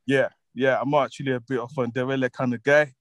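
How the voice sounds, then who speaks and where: A man in his twenties from Zimbabwe, a musician guest talking in a relaxed way, laughing often and repeating words as he thinks. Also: medium pitch, quick pace, no room sound, low-quality recording. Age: 20s. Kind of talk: casual interview chat.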